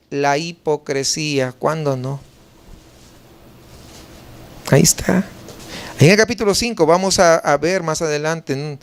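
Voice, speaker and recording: High-voiced Mexican pastor preaching. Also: male voice, clean tone. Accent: Mexican Spanish. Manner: rhetorical questions answered himself, emphatic preaching. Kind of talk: sermon.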